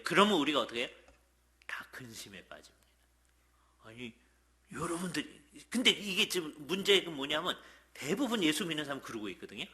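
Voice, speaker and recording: A man lectures a church audience in a fairly high, very bright voice. He acts out quoted lines and sometimes drops to a whisper. He keeps checking in with the listeners, and his pitch rises and falls a lot. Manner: lively, checks in with the audience by asking "예?". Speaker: guest lecturer at a church seminar. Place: church hall.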